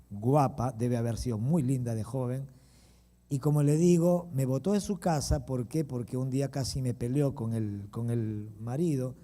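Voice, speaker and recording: Animated pastor telling a story. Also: male voice, medium pitch. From Peru. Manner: animated, personal storytelling with chuckles and asides to the congregation. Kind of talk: storytelling sermon.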